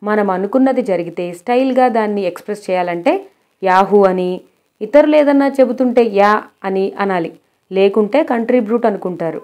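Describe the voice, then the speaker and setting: A woman's voice: medium pitch, moderate pace, a little mellow, close to an everyday voice. A woman voicing a cheeky, boastful young male college student with a playful way of talking.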